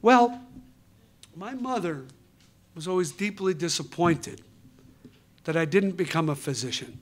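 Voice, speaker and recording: A man's voice: sits high, unhurried. A middle-aged man from New York giving a university lecture, telling stories and acting out dialogue with humor. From New York, USA. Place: lecture hall.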